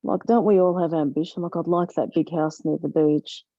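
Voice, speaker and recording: A woman's voice: deep voice, steady tone, normal speed, warm tone, no room sound, dull audio. A woman in a support group, asking challenging, probing questions. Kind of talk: casual group chat.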